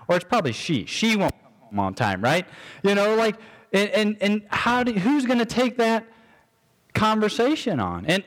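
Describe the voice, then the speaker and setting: Man, conversational sermon, lively swooping delivery, high voice, acts out quotes, restarts a lot, long hall reverb. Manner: frequent restarts and repeated words. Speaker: preacher.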